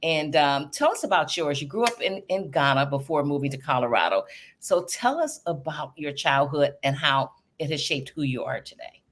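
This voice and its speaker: Effusive low-voiced woman host in her fifties. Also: expressive, normal speed. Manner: effusive and enthusiastic, with gushing exclamations. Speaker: podcast host. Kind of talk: podcast interview.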